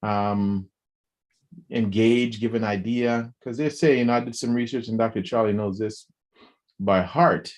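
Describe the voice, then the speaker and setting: Speaking a bit slowly with a fairly low voice, a podcast co-host keeps the conversation casual and animated, often backtracking, repeating words and dramatizing quotes.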